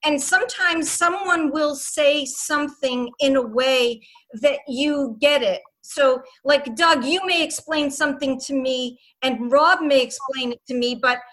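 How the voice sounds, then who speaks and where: A woman with a Boston accent and a high, bright voice, chatting bubbly and excitable as a podcast guest. She talks over a video call in a casual, animated panel conversation. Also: measured pace, low-quality recording. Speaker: guest, author and trainer.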